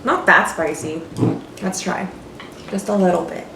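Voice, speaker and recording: A woman tasting fried chicken and chatting casually, unhurried and quick to laugh. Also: lowish voice, creaky. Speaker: guest tasting the food. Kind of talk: casual eating vlog chat. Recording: echoey kitchen with faint background noise.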